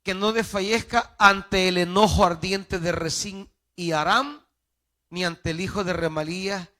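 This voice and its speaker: A Salvadoran man preaching a sermon as pastor, with emphatic loud peaks and soft drops. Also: high voice. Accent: Salvadoran Spanish.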